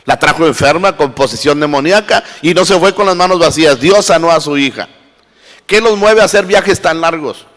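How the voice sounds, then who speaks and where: A man preaching a sermon as pastor, swinging between loud cries and hushed lines. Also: on the high side, a little fast. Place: church hall. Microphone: handheld microphone. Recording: live church recording with long reverb.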